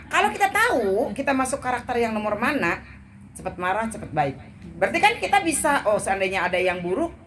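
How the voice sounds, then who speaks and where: Lively woman quizzing a group of women. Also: on the high side, a little hiss or hum. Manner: playful, quizzes the listeners and jokes. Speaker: speaker leading a women's study group. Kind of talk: informal talk to a live audience.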